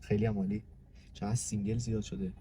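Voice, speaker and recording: A man's voice: on the low side, flat delivery, dark tone. A man in a hidden-camera prank, driving and flirting with a passenger in a pushy, teasing way. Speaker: prank driver. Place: inside a car. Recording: noisy car interior.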